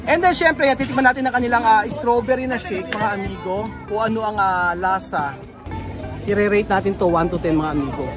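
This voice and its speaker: A woman vlogging outdoors, chatting with children in a lively, coaxing way and switching between languages. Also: medium pitch, normal speed. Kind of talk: casual vlog chat with children. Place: busy street outdoors. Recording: crowd and music noise outdoors. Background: street crowd and music.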